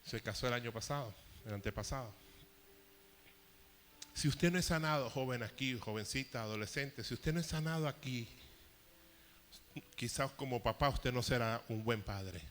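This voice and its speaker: A man's voice: medium pitch, normal speed, pauses often, fairly bright tone, slight background noise. A man in his fifties preaching a sermon as a pastor, telling a personal story with emotion and rising intensity. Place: church hall. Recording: long hall reverb.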